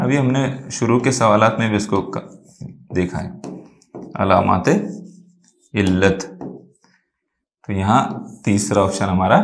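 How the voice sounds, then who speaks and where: Man, urdu accent, teaching grammar, patient, answers his own questions, echoey room. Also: fairly low pitch. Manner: patient, asks questions then answers them himself. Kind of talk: exam-prep grammar lesson.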